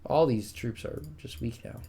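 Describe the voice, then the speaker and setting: Streaming a strategy game, a soothing-voiced man chats with his audience, responds to their messages, and jokes at his own expense. He speaks at a moderate pace in a warm, mid-range voice with a breathy edge.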